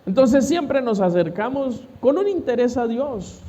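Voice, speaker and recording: A man's voice: extremely high pitch, very animated, unhurried, dark tone, highs cut off. A man, a pastor preaching a sermon who asks the congregation questions and answers them himself.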